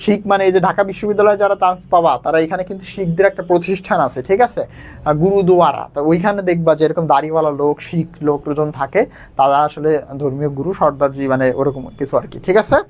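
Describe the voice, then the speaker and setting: A man teaches an exam lesson at a brisk, rushing pace. His talk is casual and chatty, and he keeps checking in with his students as he explains. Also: on the high side, fairly even intonation. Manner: casual, talks quickly, checks in with students often.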